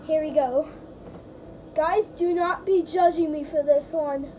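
A gaming video creator talking through a voice changer, giving casual gameplay commentary and yelping excitedly at the game. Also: slow pace, slight background noise. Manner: excitable, yelps and shouts at the game. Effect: pitch-shifting voice changer.

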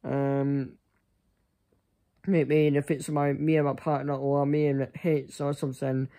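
A young man chatting casually to camera in a halting, rambling way that often trails off. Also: a little high, level tone, vocal fry, dark tone. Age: young adult. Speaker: vlogger. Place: small furnished room indoors. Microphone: phone at arm's length.

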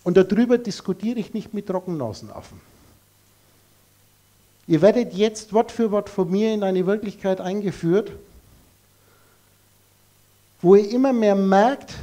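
A man's voice: high voice, dark tone. A man giving a live lecture to an audience in a blunt, emphatic way, full of rhetorical questions.

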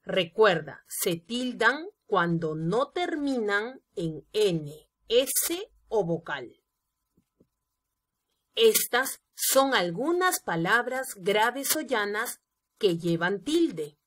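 A woman teaching a grammar lesson, talking to her students directly. She speaks very slowly and carefully, giving each example word room. Her voice sits at an ordinary middle pitch. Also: big pitch swings, fairly bright tone. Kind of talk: scripted Spanish lesson narration.

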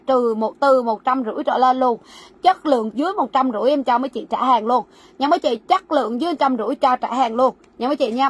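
A woman's voice: high voice, husky. A woman selling goods on a livestream, repeating sizes and prices and urging viewers to write down their orders. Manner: repetitive, coaxing viewers to comment orders. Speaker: livestream seller. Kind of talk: fast live-sale patter. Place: warehouse.

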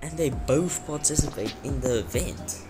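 A young Afrikaans-speaking game YouTuber delivers rambling, filler-heavy gameplay commentary in a mid-range voice at a moderate pace. His voice-over sits over loud game music and other background noise.

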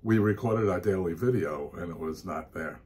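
A man's voice: low voice, normal speed, a little mellow, a little hiss or hum. An older man on a cruise ship, adding short remarks to a travel vlog from his cabin. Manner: brief interjections and short remarks. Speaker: travel vlogger. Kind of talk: casual chat.

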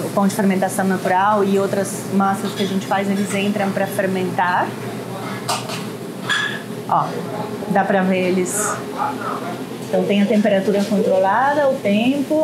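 A woman's voice: mid-range voice, fairly even intonation, moderate pace, crowd noise, low-quality recording. A woman chef and restaurant owner giving a casual walking tour of her restaurant kitchen, pointing things out as she goes. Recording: audible kitchen background noise.

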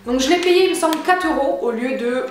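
A young woman with a high voice talks her way through a beauty haul, chatty and full of slang. The recording is very echoey, with faint music underneath. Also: brisk. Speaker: beauty vlogger. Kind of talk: casual beauty haul vlog.

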